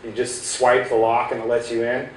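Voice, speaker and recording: An American man with a medium-pitched voice talks at a moderate pace with a flat delivery, giving an informal tech presentation as a hackerspace guest speaker. A native English speaker, he's chatty and keeps saying "uh" and restarting sentences. The small, echoey projector room comes across distant and roomy, with faint hiss.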